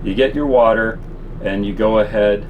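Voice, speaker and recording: Male RV vlogger, lowish voice, folksy explainer doing a casual demo inside a small camper, clear background noise. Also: normal speed, phone-quality sound. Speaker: presenter of RV living gear tips. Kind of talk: casual product demonstration. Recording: constant air-conditioner-like background noise.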